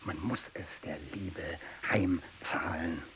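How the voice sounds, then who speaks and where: In a radio drama monologue, a male actor plays a tormented, bitter, fanatical renegade missionary, brooding and intense as he moves between hushed speech and anguished outbursts. His voice is low and slow, over steady tape hiss.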